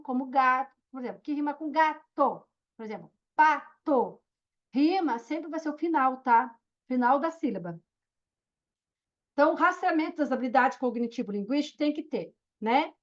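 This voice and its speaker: A woman's voice: high-pitched, dull audio. A woman teaching a recorded online course, explaining step by step and often checking in with her listeners. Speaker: course instructor.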